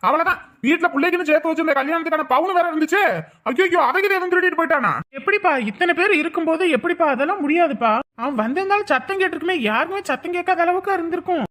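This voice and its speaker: A woman's voice: extremely high pitch, racing, bright, forceful tone. A woman voicing a scolding middle-aged village husband in a cartoon, with a Kanyakumari Tamil accent. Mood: complaining. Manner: nagging, blaming. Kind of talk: cartoon voice acting.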